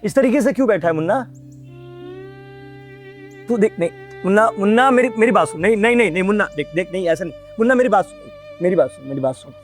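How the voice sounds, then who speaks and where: A man's voice: high-pitched, animated, quick pace, soft background music. A man playing a worried elder brother who pleads and repeats himself in a short film.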